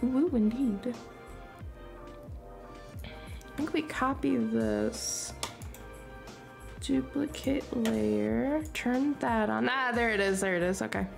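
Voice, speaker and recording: A woman's voice: on the high side, takes it slowly, creaky, pauses often, music in the background. A woman streamer chatting casually with her viewers while she draws, laughing often between remarks. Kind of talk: casual chat during a live art stream.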